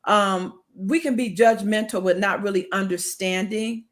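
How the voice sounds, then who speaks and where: A woman's voice: medium pitch, fairly even intonation, measured pace. A woman hosting an interview who asks thoughtful, inviting questions. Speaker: interview host.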